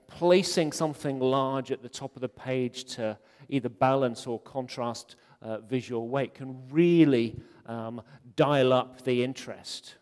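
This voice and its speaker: A man giving a conference talk, chatty and joking, with many ums. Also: mid-range voice. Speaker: conference speaker. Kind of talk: conference talk on web design. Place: conference hall. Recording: long hall reverb.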